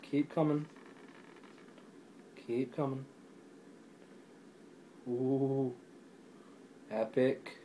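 A young man in casual, rambling chat, excitably showing off discs he ordered, with lots of fillers. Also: mid-range voice, very slow, long pauses, a little hiss or hum, rough recording. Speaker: YouTuber reviewing discs.

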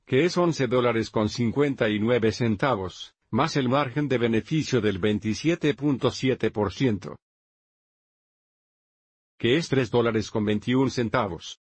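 A man with a husky, slightly breathy voice talks through a math lesson one step at a time. His delivery is steady and methodical, like a patient teacher. The sound is dry and close, with no room around it. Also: mid-range voice, unhurried, no echo. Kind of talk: dubbed math lesson narration.

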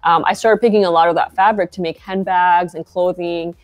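A young founder from Argentina, a guest on a video call, speaks fairly quickly in a low-side voice with a steady tone. The setting is a bright shop interior, and the casual interview talk is full of fillers.

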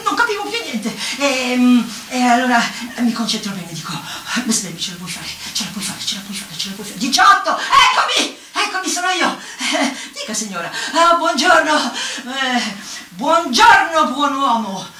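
A woman's voice: high voice, measured pace, heavily acted. Woman playing an exasperated old cartoon witch. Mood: chatty. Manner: animated, exclamatory, laughs while talking. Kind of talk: theatrical comic monologue. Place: outdoor town square stage. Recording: echoey, from far off, faint ambience.

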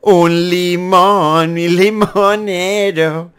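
A man's voice: sits high, very slow, clean tone. A man from Spain hosting a casual game video, joking and bantering with a friend. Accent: Spanish (Spain). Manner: animated, loud laughing, joking. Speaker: gamer host. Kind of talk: casual let's play banter.

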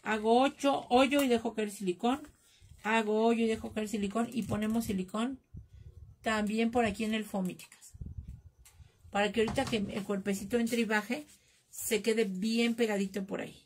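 A woman's voice: a little high, fairly even intonation, normal speed, slight background noise. A woman with a Mexican accent hosting a live craft class, chatting and joking with her viewers while she works. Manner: chatty, jokey, calls viewers "chicas".

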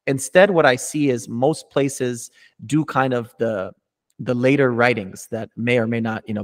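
Working from a small indoor room, a US podcast host in his thirties, with a mid-range voice, interviews a guest over video call. He asks detailed, thoughtful questions in a conversational style, using headphones and a studio mic fitted with a pop filter.

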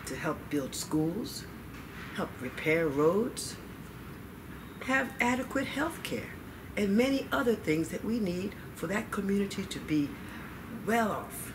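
During a children's story time indoors at the library, an older woman reads with expression, measured delivery, and pauses for drama. Her voice is mid-range, heard through a distant mic over room noise.

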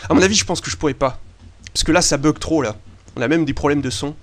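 A young man from France giving chatty, excitable commentary over a basketball video game, swearing casually and filling pauses with hesitations. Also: on the high side. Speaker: gaming video host. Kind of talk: casual let's-play commentary.

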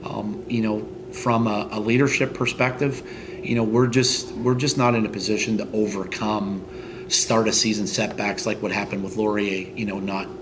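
A middle-aged man, a head football coach, answering post-game interview questions in a halting way, with many fillers and restarts. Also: on the low side, flat delivery, noisy background. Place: indoors in front of a team logo backdrop.

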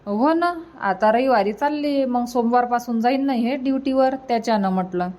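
Here the voice is a little high and slightly mellow, lightly acted at a moderate pace. She voices the earnest, homely young married niece visiting her village kin in a rural-dialect cartoon comedy, using a Varhadi Marathi accent and a matter-of-fact mood.

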